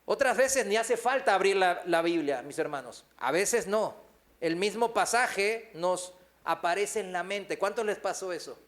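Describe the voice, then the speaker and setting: High-voiced pastor preaching. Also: male voice, a little slow, fairly bright tone. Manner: preaching with many rhetorical questions and tag questions. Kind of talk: sermon.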